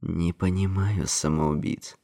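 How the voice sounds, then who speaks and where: A man voicing a guarded young man who speaks quietly and carefully in an audiobook. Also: low voice, fairly even intonation, vocal fry, dry recording, clean studio sound, full character voice. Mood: wary, flat. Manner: quiet, measured, wary.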